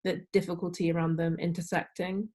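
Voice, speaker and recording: Woman hosting a video call panel, a bit low-voiced, chatty and loose with lots of likes. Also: little pitch movement, fairly quick, a little mellow, slight background noise. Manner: loose, chatty, many fillers. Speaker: moderator. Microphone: video call mic.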